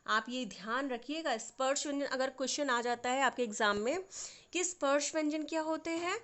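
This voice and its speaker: A woman's voice: high voice, normal speed, a bit bright. A woman teaching a lesson who explains patiently, step by step, and keeps checking that everyone follows. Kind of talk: classroom lesson.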